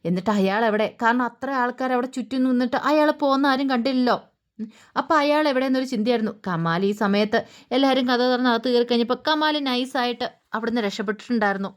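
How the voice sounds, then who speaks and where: A woman's voice: a little high, fast. Woman, storyteller, casual serial recap, colloquial, humming fillers. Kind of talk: casual retelling of a TV serial episode.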